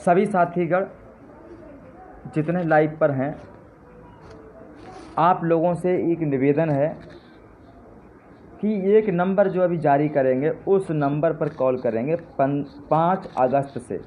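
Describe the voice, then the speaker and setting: Over a tinny phone line with faint noise, a man with a slightly high, warm voice addresses his supporters live. He speaks slowly with frequent pauses, making fervent, repetitive appeals that build into indignant jabs.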